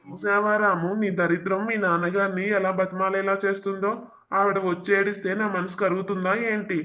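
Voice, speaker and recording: A man's voice: high voice, level tone, a little fast, muffled recording, lightly acted. A man voicing an arrogant, taunting bank officer who gives harsh orders. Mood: scornful.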